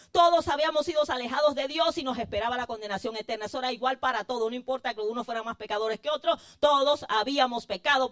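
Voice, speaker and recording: In a high, fairly bright voice, a woman delivers a fervent sermon. Her emphasis rises and falls as she addresses her listeners as brothers.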